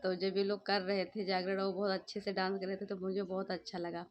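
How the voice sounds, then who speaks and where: A woman's voice: mid-range voice, little pitch movement, brisk. A woman vlogger giving casual, opinionated commentary on other vloggers' videos, chatty and repeating her points. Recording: dull lo-fi sound with faint background hum.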